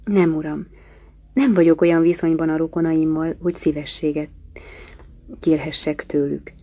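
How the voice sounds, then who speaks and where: A woman reads a novel aloud in a low, mellow voice, measured and quiet. The recording is dry and close, with no room echo. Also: steady tone. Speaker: audiobook reader.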